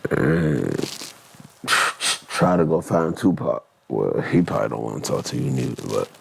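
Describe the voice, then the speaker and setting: A man's voice: rumbling low, sing-song, normal speed, vocal fry, darkish tone, slight background noise. A man giving joking, blunt commentary, reacting to a news clip. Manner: joking, blunt, slangy rambling with interjections. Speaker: reaction video host.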